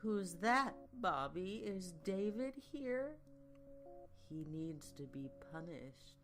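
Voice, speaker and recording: A man's voice: high-pitched, lively intonation, slow, music in the background, voice pushed up, heavily acted. A man voicing a monstrous, tree-like aunt who whines in a mushy baby voice and hisses spitefully. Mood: wheedling. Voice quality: mushy speech like bad dentures. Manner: whining baby voice, hissing.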